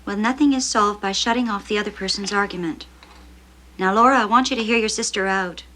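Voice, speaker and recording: A woman playing a calm, reasoning frontier wife and mother in a period television drama. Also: medium pitch, fairly quick, slight background noise, lightly acted. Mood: firm, calm.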